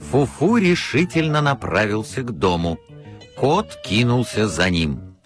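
A man's voice: medium pitch, lively intonation, unhurried, soft background music. A man narrating a children's story from a script with lots of expression.

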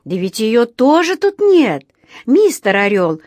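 Small polite bear cub, read by a woman, earnest and naive, higher and louder than her narration. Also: sing-song, slow pace, no echo, clean studio sound, full character voice.

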